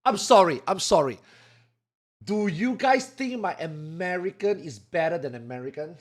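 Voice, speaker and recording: This live streamer is a man from Singapore with a Singaporean English accent and a high voice full of lively intonation. Speaking at a moderate pace, he chats casually and jokingly with his viewers and swears freely.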